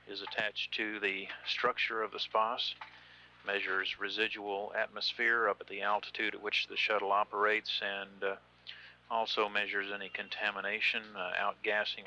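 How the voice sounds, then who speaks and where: A man giving measured, matter-of-fact live commentary on a spaceflight as mission control's announcer. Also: lowish voice, bright, forceful tone. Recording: slightly noisy, dull broadcast line.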